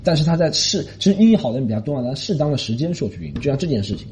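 A man from Shanghai telling a story in a casual monologue, animated, indignant and rambling. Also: medium pitch, rapid-fire, slight background noise. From Shanghai, China. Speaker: podcast host. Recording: dull lo-fi recording.

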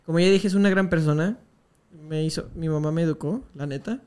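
Excitable, slangy young Mexican podcaster. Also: mid-range voice, fairly quick. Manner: rambling, slangy, profane, excitable. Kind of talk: casual podcast banter about memes.

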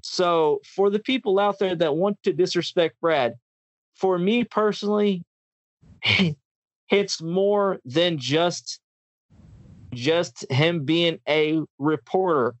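A man's voice: high voice, takes it slowly, pauses often, dry recording. Ranting male podcast host, dry sound. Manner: ranting, impassioned, repeats words and restarts. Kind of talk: casual podcast chat.

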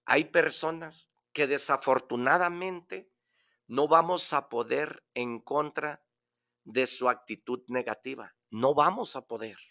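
A man's voice: medium pitch, takes it slowly, gravelly, bright, forceful tone. A man giving a motivational talk on the radio, emphatic and preachy, repeating phrases for effect.

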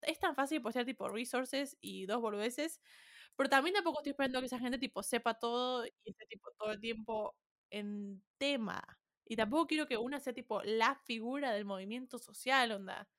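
A woman's voice: a little high, brisk, fairly bright tone. A woman with a Rioplatense Spanish accent, chatting casually as a podcast co-host and dropping in English words. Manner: chatty, laughs often, mixes in English words. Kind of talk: casual chat.

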